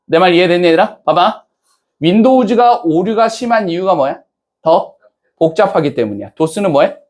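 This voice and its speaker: With a high, expressive, darkish voice at a moderate pace, a man leads an English class, bantering casually, checking in with students, and quizzing them along the way.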